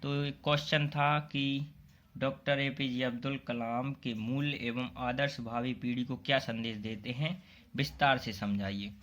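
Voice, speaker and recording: A man's voice: mid-range voice, fairly even intonation, a little slow, fairly bright tone. A man going through exam questions one by one, explaining the answers in plain, casual talk and speaking directly to students. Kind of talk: casual exam-prep lesson.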